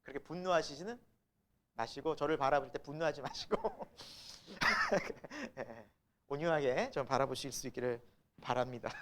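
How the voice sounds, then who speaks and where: Lively male pastor preaching. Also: on the high side, moderate pace, heavy background noise. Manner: lively, swinging from loud emphasis to soft asides; asks the congregation rhetorical questions. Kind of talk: sermon.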